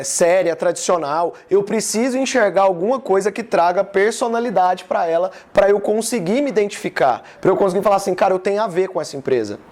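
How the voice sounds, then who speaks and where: A man with a Goiás accent talks loosely and directly to his live audience, his voice sitting fairly high for a man. He sounds like an easygoing business speaker in his thirties, chatting more than lecturing. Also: darkish tone. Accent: Goiás Brazilian Portuguese. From Goiás, Brazil. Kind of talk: informal live talk to an audience.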